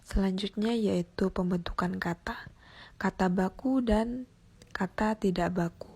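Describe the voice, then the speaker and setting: Young woman with a husky, creaky voice. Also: medium pitch, a little slow, a little mellow. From Indonesia. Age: young adult. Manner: reads steadily from notes, with small restarts. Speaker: university student presenting. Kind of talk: read-aloud class presentation.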